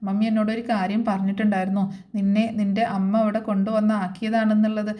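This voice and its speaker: A woman voicing a kind young woman who gently consoles her younger sister, hesitant and soothing. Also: medium pitch, little pitch movement, fast, lightly acted. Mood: gentle.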